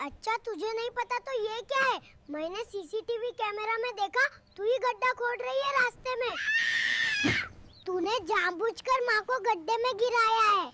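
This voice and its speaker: Woman playing a high-voiced bossy cartoon husband, scolding. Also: normal speed, heavy background noise. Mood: accusing. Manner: scolding, commanding. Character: bossy young husband who defends his mother.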